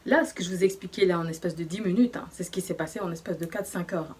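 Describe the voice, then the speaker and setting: A young woman telling a personal story in a casual, slangy way, often hushed, with many fillers. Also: fairly low pitch, fast talker, slightly rough. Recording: voice distant from the mic.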